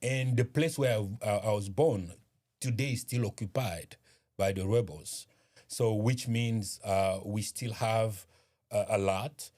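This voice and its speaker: A man from eastern Congo talks as an interview guest in a fairly low voice. He speaks in a measured, hesitant way, pausing often and filling gaps with soft fillers. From Eastern Democratic Republic of Congo. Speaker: guest, community organization founder. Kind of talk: interview conversation.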